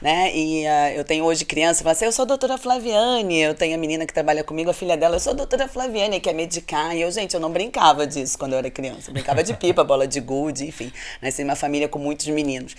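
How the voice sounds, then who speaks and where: A middle-aged woman physician talks through her story as a podcast guest. Her voice sits on the low side, and she speaks quickly and with plenty of energy. She keeps dropping a questioning "né?" at the ends of her sentences. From Brazil, Rio de Janeiro state. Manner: animated storyteller, frequent "né?" tag questions. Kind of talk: casual interview chat.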